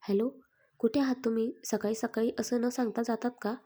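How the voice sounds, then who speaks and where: Woman doing nervous young wife, kinda husky and mellow, frets over every answer. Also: fairly high pitch, fairly even intonation, a little fast, lightly acted. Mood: anxious. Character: young wife, anxious and easily frightened.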